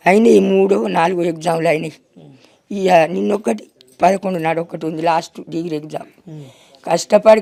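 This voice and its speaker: A woman's voice: on the low side, warm tone. A middle-aged woman with a Telangana Telugu accent, weeping as she tells a reporter about her loss, often crying out to God and to her son. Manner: lamenting, repeats cries to God and her son. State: weeping and wailing. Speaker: grieving mother interviewed. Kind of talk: emotional interview testimony.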